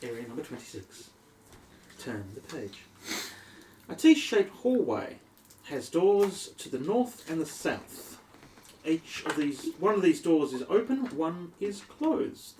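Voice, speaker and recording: A man's voice: on the high side, big pitch swings, slow, a little mellow. A man with an Australian accent narrating a tabletop game as dungeon master, descriptive with many ums. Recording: echoey room, distant mic, faint noise.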